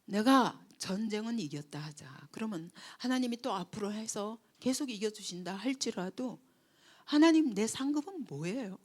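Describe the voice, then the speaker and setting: A woman pastor preaching with a lively, swooping delivery in a fairly high voice. She tells the story with feeling and often turns to the congregation with rhetorical questions. Now and then she drops to a whisper to stress a point. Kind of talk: sermon at a church retreat.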